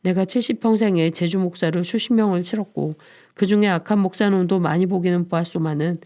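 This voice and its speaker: A woman voicing a dignified, gruff old man in his seventies who is grieving, in a dramatized book reading. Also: on the low side, brisk, warm tone, close to an everyday voice. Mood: aggrieved. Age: older. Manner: curt, gruff, lamenting.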